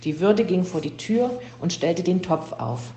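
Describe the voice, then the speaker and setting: Low, mellow woman reading a story. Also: very animated, a little slow, reverberant, a little hiss or hum. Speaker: reader of a children's story. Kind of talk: scripted storybook narration.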